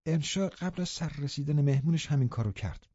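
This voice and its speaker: A man narrating an audiobook in a sombre, measured way. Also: fairly high pitch, expressive, warm tone, husky, no echo. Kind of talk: scripted narration. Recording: muffled lo-fi recording.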